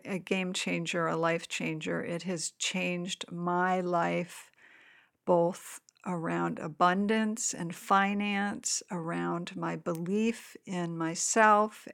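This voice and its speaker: A woman with a creaky voice giving a reflective spiritual talk and guiding meditation, with deliberate, pause-filled phrasing. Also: fairly low pitch. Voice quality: creaky vocal fry. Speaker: meditation guide.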